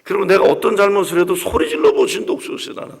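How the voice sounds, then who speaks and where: A pastor in his sixties delivers a personal story in a church sanctuary sermon, very fast and in a high, creaky, husky voice with a steady tone. He tells it emotionally, acting out quoted voices, while the hall adds a long reverb.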